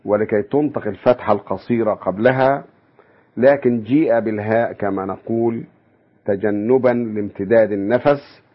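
A man giving an academic lecture, measured and explanatory, posing rhetorical questions to his listeners. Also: lowish voice. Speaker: university lecturer. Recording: dull lo-fi radio broadcast.

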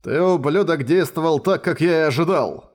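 A man's voice: on the high side, moderate pace, pitched above the performer's own voice, natural voice. A man reading the lines of a blunt, exasperated young man worn out by night work, in an audiobook. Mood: irritated. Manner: blunt, irritated, sarcastic.

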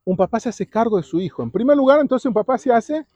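A man's voice: extremely high pitch, lively intonation, fast talker, dark tone, no room sound. A man giving a Bible talk to preteens at a retreat, often quizzing his listeners and tagging his lines with "¿sí?". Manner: keeps asking the audience questions, tags lines with "¿sí?". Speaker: youth retreat speaker. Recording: dull lo-fi recording.

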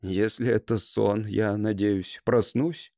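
A man's voice: on the low side, fairly even intonation, takes it slowly, mellow, no echo. Shaken grown man, emotional and pleading, read by a male narrator, dry close sound. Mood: anguished. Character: grown man shaken by meeting his childhood self.

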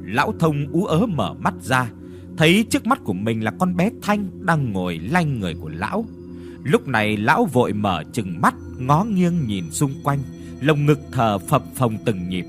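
Expressive male horror storyteller. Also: medium pitch, normal speed, faint music behind. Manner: dramatic, expressive reading.

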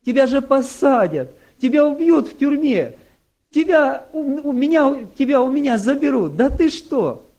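A preacher putting on a frantic middle-aged mother, pleading and insistent, a raised voice that leaps up and down, dark mellow tone. The anxious mother of a told sermon story. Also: extremely high pitch, expressive, a little fast, voice pushed up. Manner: pleading, urgent.

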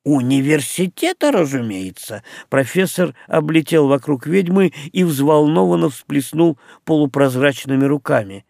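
A man narrating a fantasy audiobook in a measured, even storytelling manner. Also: a little high, gravelly, no echo, studio quality. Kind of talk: scripted narration.

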